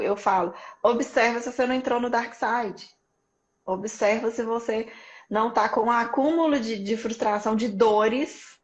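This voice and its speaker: Chatty host. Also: female voice, on the high side, highs cut off. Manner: affirming, chatty, many "uhum" replies. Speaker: live stream host. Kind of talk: casual live chat.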